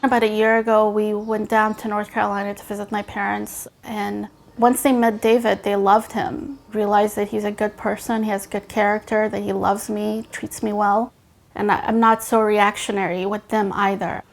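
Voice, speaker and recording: A woman's voice: medium pitch, little pitch movement, moderate pace, vocal fry. A woman from Afghanistan giving an earnest, reflective documentary interview about her own life. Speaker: interview subject.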